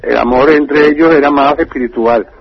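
A man telling a story on a radio show in a lively, joking way. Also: medium pitch, normal speed, gravelly, husky. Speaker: radio contributor. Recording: dull, dry radio line.

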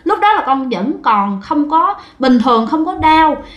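A woman's voice: high voice, lively intonation, fairly quick, a bit bright, lo-fi sound, voice pushed up. A woman voicing a crying little child in pain, pleading tearfully. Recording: roomy echo.

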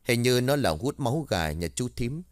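A man voicing a foul-mouthed, gossipy old village woman who curses and wails loudly. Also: mid-range voice, very animated, normal speed, no room sound, studio quality, pitched above the performer's own voice, lightly acted. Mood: lamenting. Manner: loud cursing and wailing.

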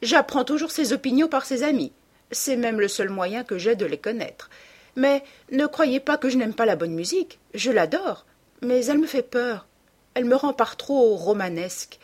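A woman's voice: a little high, expressive, normal speed, voice pushed up. Woman doing a chattering society lady, gushing, raised voice, audiobook reading. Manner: gushing, rambling, breathless chatter. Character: chattering flighty society lady, nervous laugh.

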